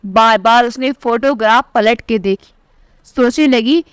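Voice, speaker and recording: A woman narrating a family story in the first person as a storyteller, reading every character's lines in her own voice and lifting her pitch for the quoted speech. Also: a little slow, clean tone, no echo, studio quality. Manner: reads all the dialogue in one voice, pitch rising for quoted lines.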